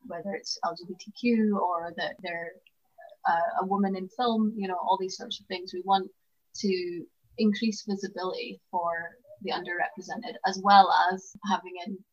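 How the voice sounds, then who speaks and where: A woman's voice: fairly low pitch, steady tone, moderate pace. Chatty Scottish woman podcast host. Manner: chatty, encouraging, many fillers. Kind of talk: casual interview chat. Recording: slightly dull lo-fi sound.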